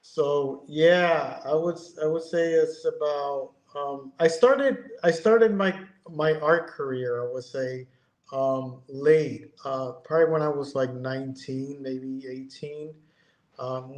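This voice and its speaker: A man in his fifties from Connecticut, a guest talking in a casual, halting way, with many ums and restarts. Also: medium pitch, a little mellow, roomy sound, rough recording. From Connecticut, USA. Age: 50s. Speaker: guest, airbrush artist. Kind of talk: casual interview chat.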